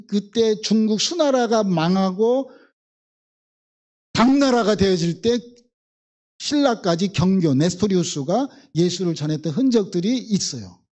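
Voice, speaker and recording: Animated Korean pastor with lively pitch. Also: male voice. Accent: Jeolla. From Jeolla, South Korea. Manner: animated, acts out biblical voices, emphatic repetition. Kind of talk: sermon.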